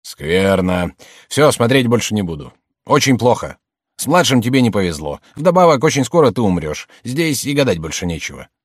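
A man voicing a grumpy old male fortune-teller in an audiobook, speaking gruffly and curtly. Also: on the low side, sing-song, normal speed, dry recording, clean studio sound. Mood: grumbling. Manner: gruff, curt, grumbling. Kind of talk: audiobook character reading.

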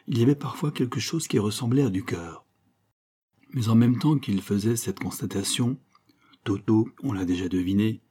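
A man narrating a novel as an audiobook reader, in measured storytelling. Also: on the low side, mellow, slightly rough.

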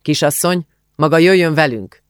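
A gruff older policeman barks orders in a raised, pushed voice, blunt and commanding but not cruel, as a male audiobook narrator puts him on. He sounds louder and a bit higher than the narration around him. The recording is dry and close, with no room sound. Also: dry recording, close to an everyday voice. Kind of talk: audiobook character voice.

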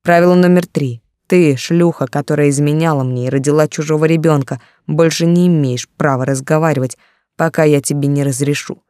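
A cruel, jealous warlord spits contempt and threats, as an audiobook reader voices him. The tone is dark and mellow, and the recording is close and completely dry, with no room around it. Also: medium pitch, steady tone, a little fast, no echo, lightly acted. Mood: menacing. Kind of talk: audiobook character reading.

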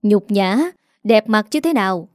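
A woman's voice: mid-range voice, lively intonation, measured pace, no room sound, clean studio sound, close to an everyday voice. A woman voicing an aging village mother who is tearful and bitterly complaining.

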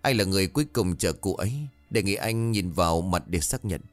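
Man reading police officer, formal, brisk, low voice. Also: faint music behind, lightly acted.

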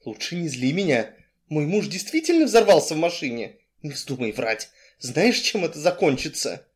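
A fiery, defiant young woman, as a male reader puts her on, raised high and swooping all over as she demands answers and shouts. Her voice leaps up in pitch at every outburst. It sounds like a crime audiobook read aloud. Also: very animated, moderate pace. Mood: angry, demanding.

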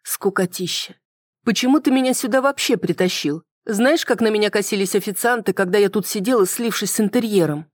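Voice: medium pitch, fairly quick, dry recording, studio quality, voice pushed up, close to an everyday voice. A reader voicing a sarcastic young woman in an audiobook, with teasing, exasperated questions. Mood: bored. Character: sharp young woman, sarcastic academy curator. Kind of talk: audiobook dialogue.

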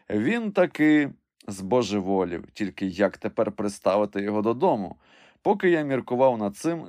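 Expressive male audiobook narrator. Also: mid-range voice, dry recording, clean studio sound. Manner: expressive storytelling. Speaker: audiobook reader. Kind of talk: scripted narration.

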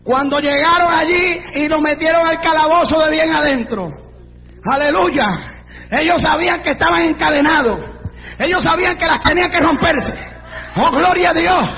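A man preaching at the top of a very high, strained voice, shouting refrain after refrain and throwing in fervent cries of praise. He sounds far off in a reverberant church hall, with a muffled, dull recording and a faint congregation behind him. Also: normal speed. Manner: shouts fervently, repeats refrains, interjects aleluya. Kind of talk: shouted Pentecostal-style sermon.

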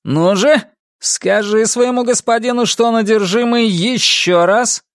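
A man's voice: high voice, expressive, measured pace, breathy edge, dry recording, clean studio sound, pitched above the performer's own voice, heavily acted. A man voicing Guillaume, a furious young count. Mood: menacing. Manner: angry, defiant, threatening. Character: young hot-tempered male count, furious and proud.

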